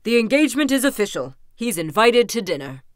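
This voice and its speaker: A woman doing a loud gullible king. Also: a little high, sing-song, a little fast, no room sound, clean studio sound. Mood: excited. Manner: loud, exclaiming. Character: gullible, greedy old king, loud and easily impressed.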